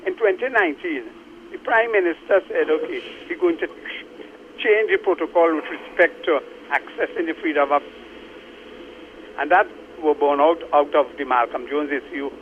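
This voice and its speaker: A man's voice: on the high side, slight background noise. Caller: man. Line: tinny landline phone breaking up. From Trinidad and Tobago. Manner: halting, restarts words while making a civic complaint. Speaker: radio call-in caller. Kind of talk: call-in radio talk.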